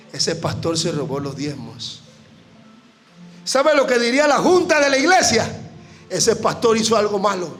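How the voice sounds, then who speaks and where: A man with a Panamanian Spanish accent, a guest preacher giving an impassioned sermon to a church congregation. He often shouts and climbs to emotional peaks. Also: very high voice.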